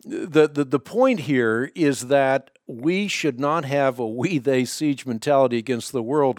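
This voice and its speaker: A male radio host gives religious commentary in a dry, close recording. His mid-pitched voice is slightly hampered by a swollen, split lip, and he phrases things in a deliberate, preacherly way. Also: darkish tone, no room sound. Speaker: host of a call-in religious broadcast.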